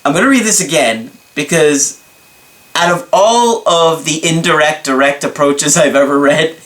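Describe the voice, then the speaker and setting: A man giving dating advice to camera, slow and emphatic, reading viewer emails aloud and adding sarcastic asides. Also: a little high, a bit bright, poor audio. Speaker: dating coach. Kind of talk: talking-head advice video.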